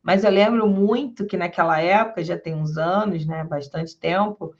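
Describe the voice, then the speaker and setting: A woman, a public defender, giving a lecture and telling stories from her career in a lively way, acting out the people she quotes, with a Rio de Janeiro accent. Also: on the low side, moderate pace. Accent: Rio de Janeiro Portuguese. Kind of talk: storytelling lecture. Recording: dull lo-fi sound.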